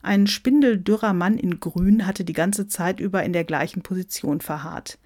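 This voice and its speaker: A woman with a fairly low voice reading a humorous story aloud in a wry, lively way. The recording is dry and close, with no room sound. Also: normal speed, no room sound. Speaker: narrator.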